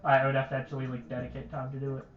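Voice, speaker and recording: A man's voice: medium pitch, monotone, rapid-fire, roomy sound, phone-quality sound. A young man chatting casually on a game livestream, rambling and stuttering, with lots of "like" fillers. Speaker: game streamer.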